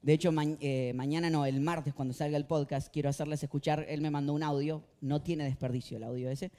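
A male pastor with a Rioplatense Spanish accent, preaching a sermon with passion and swinging between quiet talk and loud outbursts. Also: fairly high pitch, steady tone, a little fast. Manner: impassioned, swings from quiet to shouting.

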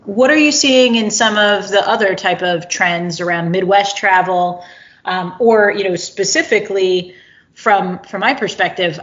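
Low-voiced woman hosting a chat. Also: fairly bright tone, highs cut off. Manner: curious, thinks aloud while asking questions. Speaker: podcast host. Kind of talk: casual conversational interview.

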